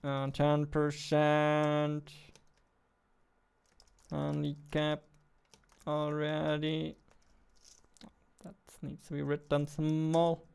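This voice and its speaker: A young game developer chats on a live stream while coding at his home desk, reasoning out loud, laughing softly and joking about himself. His fairly high, darkish voice is monotone and clean with vocal fry, delivered very slowly with long pauses.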